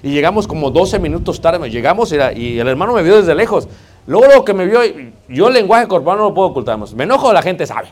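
A man with a Mexican Spanish accent preaches a sermon in a slightly high, somewhat mellow voice, talking fast and very animatedly. His style is conversational and joking, and he keeps calling out to the congregation as brothers.

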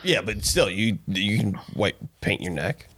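A man's voice: on the low side, sing-song, a little slow, fairly bright tone, slightly rough. A man co-hosting a podcast, chatting casually and tossing in crude, profane wisecracks. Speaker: podcast co-host. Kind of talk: casual chat.

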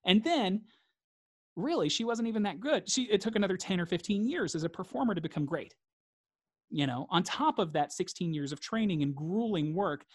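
A man's voice: sits high, expressive, a little fast, dry recording, clean studio sound. A man, a guest in a reflective interview, talking earnestly and repeating phrases for emphasis.

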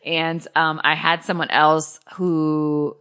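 A woman's voice: low-pitched, flat delivery, slow pace, fairly bright tone, clean tone. A woman with a New England accent with a Portuguese tinge, hosting a podcast in a casual, giggly, rambling way. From New England, United States. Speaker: podcast host. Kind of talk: casual chat.

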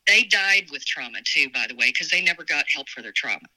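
Frank, bright-voiced woman from Tennessee. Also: low voice, animated, brisk, poor audio. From Tennessee, USA. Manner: frank, wry, sarcastic humor. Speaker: podcast guest. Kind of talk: candid conversation.

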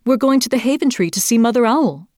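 A woman's voice: on the high side, expressive, fast, a little mellow, no room sound, clean studio sound, pitched above the performer's own voice, close to an everyday voice. A woman voicing a small, curious young female mouse who asks earnest, eager questions.

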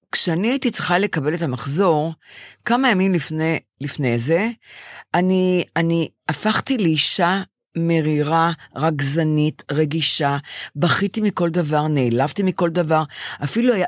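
An older woman co-hosting a chat show, telling a long personal story in a lively way and acting out what she said back then. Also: lowish voice, no room sound, studio quality. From Israel. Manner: animated storytelling, acts out her own past quotes. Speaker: podcast co-host. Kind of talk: casual chat.

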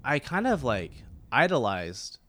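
A man's voice: medium pitch, big pitch swings, a little slow, a bit bright. A man in his thirties from Oklahoma, talking as a podcast guest in a rambling way, with lots of fillers and restarts. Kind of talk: casual conversational interview.

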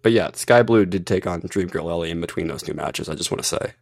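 Fast-talking low-voiced man, dry sound. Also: creaky, no room sound. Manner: rambling, self-correcting. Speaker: wrestling podcast co-host. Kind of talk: casual chat.

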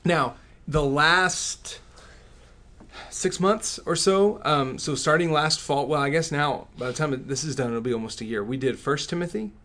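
A man with a West Texas accent and twang, chatting casually as a pastor and co-host in a halting way that repeats words. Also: on the high side, sharp tone. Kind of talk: casual conversation.

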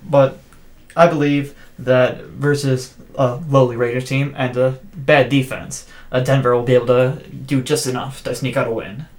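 A man co-hosting a casual sports podcast, giving his picks and stats in a measured, analytical way. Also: mid-range voice, little pitch movement. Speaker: podcast co-host.

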